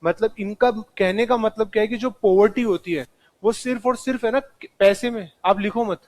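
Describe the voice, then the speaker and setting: A man's voice: high-pitched, normal speed, darkish tone. A man teaching a live classroom lecture, speaking straight to his students and mixing in English terms.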